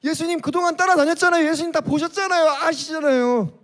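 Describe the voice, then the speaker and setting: A man's voice: extremely high pitch, quick pace, fairly bright tone, pitched above the performer's own voice. A male preacher voicing a boastful, eager young disciple who insists and protests in a raised voice. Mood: indignant, insistent. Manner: insistent, protesting, self-assured.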